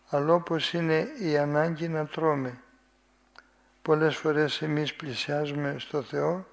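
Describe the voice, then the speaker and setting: A man preaches, his voice a touch high and gravelly. He reads a spiritual text aloud and comments on it at an unhurried pace. He often turns to his listeners with rhetorical questions.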